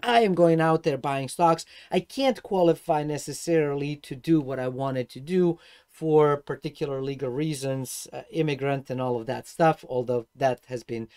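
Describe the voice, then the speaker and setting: Animated Serbian-accented man vlogging. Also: fairly high pitch, normal speed, smooth. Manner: animated, gestures a lot, swings between loud and soft. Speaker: personal finance YouTuber. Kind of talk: casual vlog monologue. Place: dark room indoors.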